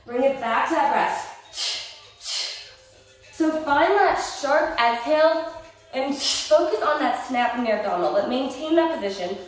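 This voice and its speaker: With a high-pitched, expressive voice, a woman Pilates instructor talks slowly with long pauses as she cues exercises and counts reps, upbeat yet a little winded from joining in. A roomy echo, a distant mic, and faint music color the recording.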